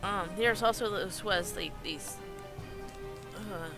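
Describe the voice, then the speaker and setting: A woman live streamer giving casual game commentary in a hesitant, halting way, often searching for words. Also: mid-range voice, over music.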